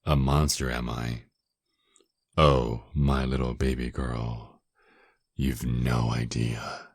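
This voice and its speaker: In an ASMR roleplay, a man voices an ancient vampire lord with an extremely deep, slightly rough voice, recorded close and dry with no echo. He drags out each phrase slowly with little pitch movement, heavily acted, condescending and teasing. The mood is taunting: dominant, smug and seductively menacing.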